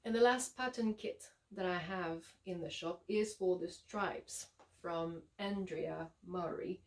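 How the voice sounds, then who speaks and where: A woman with a French Canadian accent, a yarn dyer giving a relaxed, chatty showcase of her shop's products with frequent ums and uhs. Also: lowish voice, slow. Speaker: yarn dyer and shop owner.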